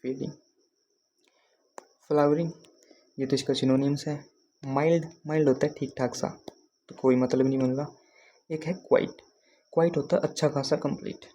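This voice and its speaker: Guy from haryana doing exam prep lessons, warm low-key voice, keeps asking then answering himself. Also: steady tone, moderate pace, long pauses, dull audio, slight background noise. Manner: patient, repeats questions to students. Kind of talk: explaining lesson.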